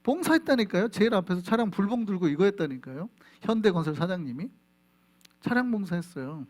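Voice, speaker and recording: A man preaching a Sunday sermon as pastor, lively, asking the congregation questions and answering them himself. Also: high voice, a little fast. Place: church sanctuary.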